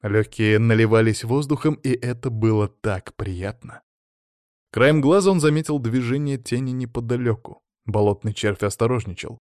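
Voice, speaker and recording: An audiobook narrator reads scripted fantasy-adventure narration in a steady, even storytelling manner. His voice is mid-range at normal speed, and the recording is dry with clean studio sound.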